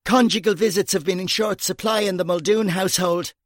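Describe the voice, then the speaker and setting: A man's voice: sits high, steady tone, fairly quick, no echo, clean studio sound, pitched above the performer's own voice, close to an everyday voice. A male narrator voicing a brash, bawdy young woman detective who tells crude stories to her colleagues. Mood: wry.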